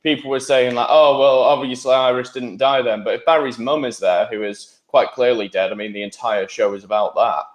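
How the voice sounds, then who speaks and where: A man of average pitch talks informally as a podcast panellist. The recording is roomy, with clear echo around his voice. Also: brisk, few pauses. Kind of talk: casual chat about TV shows. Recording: roomy, echoing sound.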